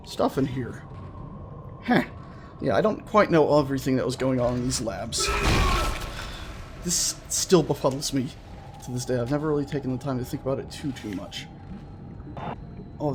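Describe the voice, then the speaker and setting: This man hosts gaming videos, and his medium-pitched voice carries casual, wandering let's play commentary full of playful self-interruptions. The background is noisy, with game music running.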